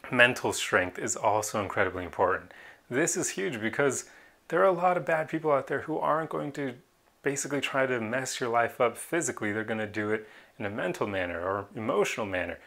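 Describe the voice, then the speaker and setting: A man's voice: mid-range voice, animated, fairly quick, gravelly, fairly bright tone. A man talking earnestly to camera in a casual opinion vlog, with an opinionated tone and a laugh now and then. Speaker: vlogger.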